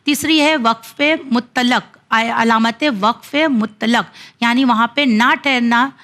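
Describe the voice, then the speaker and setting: A woman's voice: fairly high pitch, steady tone, a bit bright. Patient woman teaching Quran reading. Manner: patient, explains rules step by step, slowly drawn-out example recitations. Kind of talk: children's Quran reading lesson.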